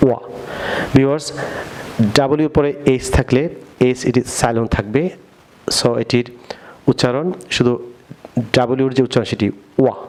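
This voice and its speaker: A man's voice: mid-range voice, a little mellow. A man with a Bangladeshi Bengali accent giving an English pronunciation lesson, often calling on his viewers and having them repeat words after him. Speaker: English teacher.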